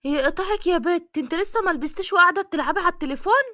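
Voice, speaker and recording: A bossy middle-aged mother with an Egyptian accent, scolding her daughter in a high, bright voice, put on by a woman narrator. Her lines land sharp and close to the mic in a dry, plain recording. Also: animated, fast, no room sound. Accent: Egyptian Arabic. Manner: scolding, loud outbursts.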